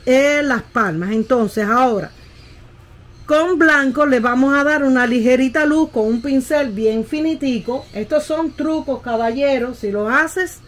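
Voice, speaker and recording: A middle-aged woman with a high, slightly bright voice teaches landscape painting in a casual tutorial. She's patient, demonstrating as she goes and repeatedly asking "¿ve?" to check the viewer is following.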